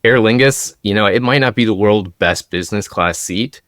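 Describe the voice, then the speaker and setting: A man's voice: lowish voice, normal speed, a bit bright, dry recording, clean studio sound. A man speaking as an expert guest on a podcast, explaining things upbeat and enthusiastically. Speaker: travel deals expert guest. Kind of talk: podcast conversation. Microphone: podcast microphone.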